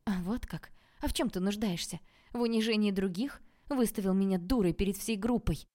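A woman's voice: mid-range voice, brisk, mellow, pitched above the performer's own voice, lightly acted. A woman voicing a hot-tempered young female student in an audiobook, speaking sharply and indignantly. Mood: furious.

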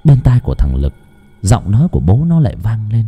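A man's voice: on the low side, huge pitch swings, a little fast, slightly rough, dull audio, soft background music. A man narrating a horror audiobook in a suspenseful, dramatic way.

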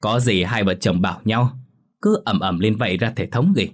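A man's voice: fairly low pitch, normal speed, natural voice. A man voicing a stern older village woman who scolds in a matter-of-fact way. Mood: scolding.

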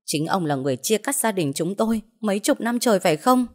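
A woman's voice: mid-range voice, animated, fast talker, voice pushed up, natural voice. A woman voicing an indignant elder sister who insists and confronts in an audio story. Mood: insistent, accusing.

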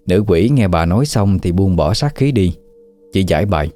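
A man narrating a scripted ghost story in a steady way. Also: low-pitched, normal speed. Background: faint background music.

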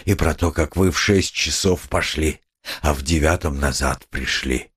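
A man's voice: extremely low pitch, measured pace, slightly rough, full character voice. A man playing a brooding, gloomy young man who speaks curtly. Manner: curt, gloomy, softening at times.

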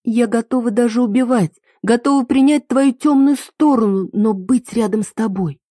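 A woman voicing a desperate young woman in love, pleading in high, strained, near-shouted lines. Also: normal speed, slightly rough, no room sound, studio quality, natural voice. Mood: devoted.

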